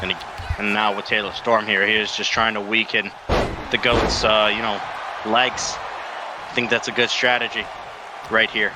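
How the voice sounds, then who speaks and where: A man working as an excitable wrestling commentator, calling the match live and reacting to each move. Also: fairly low pitch, a little slow, pauses often. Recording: loud event crowd and noise. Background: crowd and arena noise.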